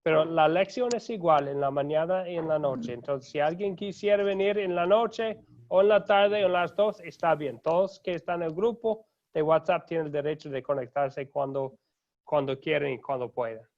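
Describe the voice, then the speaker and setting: A man, a pastor, calmly and courteously greeting each student by name in an online class over a video call. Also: on the high side, moderate pace. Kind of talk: unhurried roll call of students. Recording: dull lo-fi video call audio.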